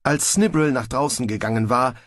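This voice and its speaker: A man giving scripted audiobook narration with lively storytelling. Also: medium pitch, normal speed, no echo.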